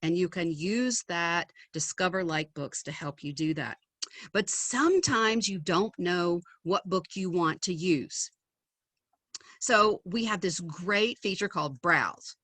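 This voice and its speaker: A woman's voice: fairly low pitch, expressive, takes it slowly, a bit bright, no room sound. A woman presenting an educational website in a webinar, upbeat and chatty, with frequent ums. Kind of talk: screen-share webinar demo.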